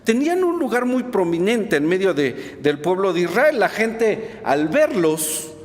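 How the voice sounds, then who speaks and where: Male preacher, high and very animated delivery, long hall reverb. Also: unhurried. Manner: expressive storytelling, rhetorical asides to the congregation. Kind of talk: sermon. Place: church hall.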